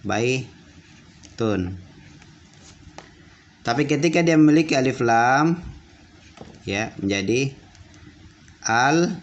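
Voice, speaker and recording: A man teaching basic Arabic to children, repeating words slowly and checking that they understood. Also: mid-range voice, expressive. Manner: repeats words slowly and asks questions back. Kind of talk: classroom lesson for children. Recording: dull lo-fi audio with faint room noise.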